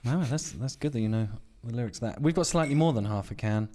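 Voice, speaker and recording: A man's voice: mid-range voice, lively intonation, fast talker, dark tone, soft background music. A man co-hosting a podcast in the middle of the night, sleepy and trading jokes in casual banter. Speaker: podcast co-host. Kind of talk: casual late-night chat.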